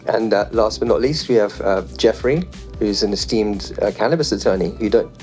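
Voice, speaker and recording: Guy moderating a panel, lowish voice, chatty, reading stats off his phone, faint music behind. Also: fairly quick. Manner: relaxed and chatty, reading statistics off a phone with light jokes. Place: panel event in front of a live audience.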